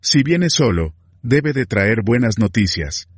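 A man's voice: medium pitch, big pitch swings, slow pace, slightly rough, no room sound, full character voice. A man reading as an old grieving king. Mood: hopeful.

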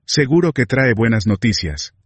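A man's voice: medium pitch, big pitch swings, normal speed, husky, no echo. A man reading as an old grieving king. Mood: hopeful.

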